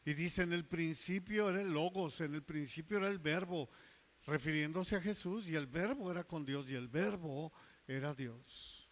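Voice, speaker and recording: A male pastor preaching a sermon, emphatic, stretching key words slowly and dropping into quiet asides. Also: a little high, slight background noise.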